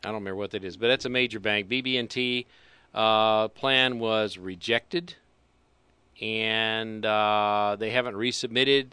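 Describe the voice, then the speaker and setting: A man's voice: fairly low pitch, steady tone, unhurried, bright, forceful tone, clear, resonant tone, no room sound. A man co-hosting a casual finance talk show, rambling and dryly sarcastic. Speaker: co-host.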